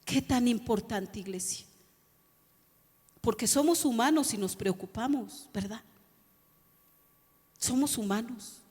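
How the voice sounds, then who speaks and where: Pastora predicando con voz aguda. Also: female voice, a little high, slow, pauses often, darkish tone, husky, in a large hall. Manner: preaching, addresses the congregation as "iglesia", asks rhetorical questions. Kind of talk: sermon. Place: church hall.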